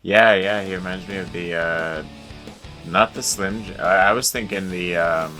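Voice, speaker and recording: A very deep-voiced man with a bright, forceful tone, co-hosting a podcast in easy conversation. He delivers dry, wry remarks. Faint music plays behind him. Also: steady tone, unhurried. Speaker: podcast co-host. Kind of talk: casual chat.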